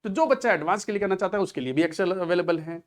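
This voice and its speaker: A man's voice: high-pitched, fast. A male chemistry teacher talking earnestly to exam students, giving coaching advice and slipping English phrases into his Hindi.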